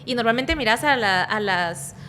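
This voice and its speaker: A woman's voice: on the high side, expressive, normal speed, slight background noise. A woman pastor with a Guatemalan accent, talking casually on a podcast, rambling and interrupting herself, often ending phrases with little tag questions. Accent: Guatemalan Spanish. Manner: describes herself as speaking softly but energetically. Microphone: studio podcast microphone, kept at a distance.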